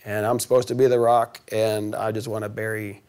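A man's voice: lowish voice, level tone, brisk, a little mellow, clear, resonant tone, natural voice. A pastor voicing a downcast fisherman disciple. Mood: despairing. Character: downcast male fisherman disciple, full of self-doubt.

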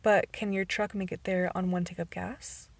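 Teasing teen boy, calm and quiet, flat delivery, breathy edge, read by a woman. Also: lowish voice, moderate pace, dry recording.

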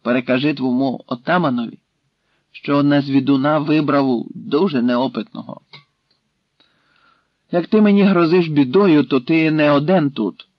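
A man's voice: a little high, unhurried, no echo, lightly acted. A man voicing a stern Cossack leader who questions and threatens a captive in a commanding way, in a dry, slightly dull recording.

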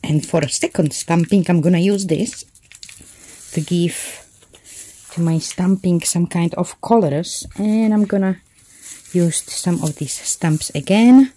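Slow, mellow-voiced woman crafting. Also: lowish voice, slightly rough. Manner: thinks aloud while working, self-correcting. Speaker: craft channel host. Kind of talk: casual crafting tutorial.

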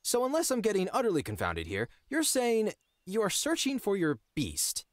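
A young man with a high-pitched voice plays a wry, exasperated yet earnest young lord in a fantasy game, sounding incredulous as his pitch swings hugely. He speaks at normal speed, and the studio recording is clean with no echo.

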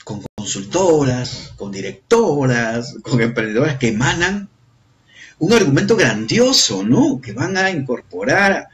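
A man's voice: mid-range voice, big pitch swings, measured pace, fairly bright tone, dull audio, a little hiss or hum. A man with a Peruvian Spanish accent giving a motivational online seminar, repeating key points and addressing listeners directly. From Peru.

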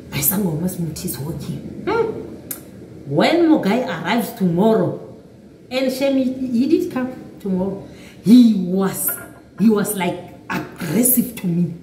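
A woman's voice: mid-range voice, background noise. A woman telling a personal story on her vlog, chatty and often calling out to her viewers. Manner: chatty, repeats "guys" often. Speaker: vlogger. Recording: echoey room, mic at a distance.

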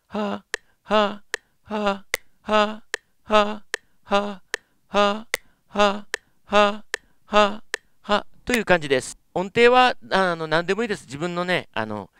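Lively polite male vocal coach. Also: on the high side, a little hiss or hum. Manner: polite explaining with many fillers. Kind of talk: instructional lesson.

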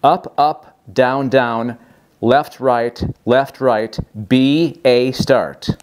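This man speaks at a medium pitch and stretches out his words. He's hosting a laid-back tech demo, lively and amused as he quizzes a voice assistant with questions.

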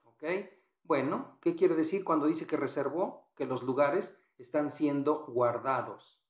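A man explains exam answers in a patient, repetitive way, often translating phrases. He talks slowly, with a voice pitched a little high for a man. The room around him is echoey. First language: Spanish. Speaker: English teacher.

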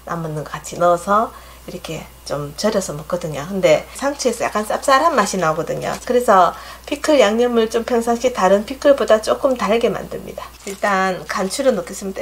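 Speaking at a medium pitch, a middle-aged woman with a Gyeongsang accent walks viewers through a home cooking demonstration step by step, chatty and homey. Pots and dishes clink faintly in her home kitchen, with slight background noise.

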